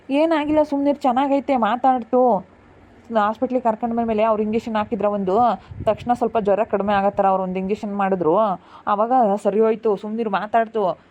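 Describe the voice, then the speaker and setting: A coaxing, motherly aunt, played by a woman, in a village drama, speaking in a fairly high voice. She hushes and reassures again and again, mixing gentle scolding into her comfort. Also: steady tone, brisk, highs cut off, close to an everyday voice. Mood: soothing. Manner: soothing, coaxing, repeats "hush". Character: caring aunt comforting crying relatives.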